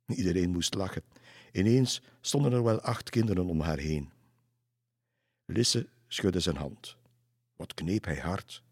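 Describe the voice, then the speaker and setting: Male narrator, dry close sound, low and husky, calm reading. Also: a little slow, pauses often, no echo. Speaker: storyteller. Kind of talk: reading a children's story aloud.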